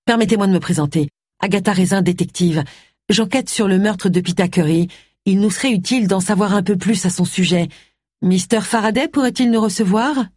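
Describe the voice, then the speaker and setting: A woman reading a storybook who voices a brash, sharp-tongued woman detective with brisk, cutting lines, pitched above her own voice. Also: dry recording, clean studio sound, close to an everyday voice.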